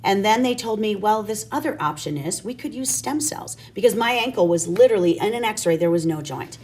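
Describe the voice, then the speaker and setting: A woman's voice: medium pitch, expressive, a little fast, a little mellow, breathy edge. A woman guest telling an emphatic, anecdotal personal testimonial in an interview.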